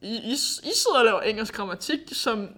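En ung kvinde, der fortæller livligt i en afslappet podcastsnak og ofte griner. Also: female voice, a little high. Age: young adult. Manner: lively storyteller, laughs often. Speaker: podcast co-host. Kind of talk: casual chat.

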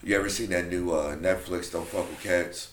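A man teasing his friend during casual banter, loudly cutting in with jokes. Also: sits low, steady tone, moderate pace, a crowd in the background. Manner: teasing, loud, jumps in with jokes.

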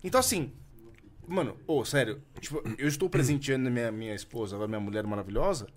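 Rowdy fast-talking Brazilian man. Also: mid-range voice. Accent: Brazilian Portuguese. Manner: rowdy, joking, lots of slang fillers. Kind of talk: casual podcast banter.

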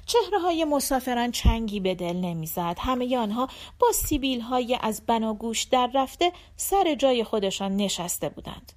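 A woman reading a short story aloud as an audiobook narrator, in a measured, even manner. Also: on the high side.

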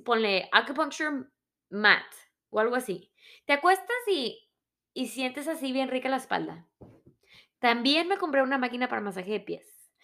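A woman around thirty with a Mexican Spanish accent, telling stories in a casual, animated, self-mocking monologue. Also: high voice. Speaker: vlogger.

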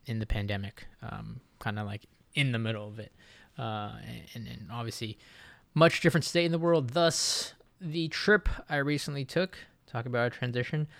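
A man in his late twenties from Japan hosts a casual solo podcast. He rambles with "like" and "um" and restarts his sentences. His voice is smooth and clear, and it is captured dry and close, with no room echo. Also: medium pitch, a bit bright. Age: late 20s. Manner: rambling, full of "like" and "um" fillers and restarts. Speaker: podcast host.

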